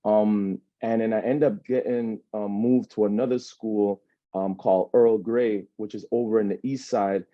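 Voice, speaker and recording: In a sit-down interview, this man in his thirties with a Jamaican accent loosely recounts his personal story, repeatedly checking in with "you know what I'm saying". His voice sits on the low side with fairly even intonation at normal speed. The recording is dry but sounds dull and lo-fi.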